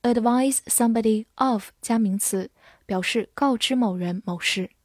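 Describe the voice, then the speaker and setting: Brief: woman, lesson narrator, slightly high voice, unhurried, dry close sound. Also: darkish tone, dry recording. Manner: spells words letter by letter and reads examples slowly. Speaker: English vocabulary teacher. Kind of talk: scripted vocabulary lesson.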